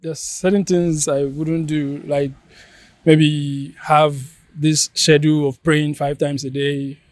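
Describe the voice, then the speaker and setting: Male street interviewee, casual and hesitant, slightly high voice, dry sound. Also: flat delivery, slow, a little mellow, dry recording. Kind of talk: casual chat.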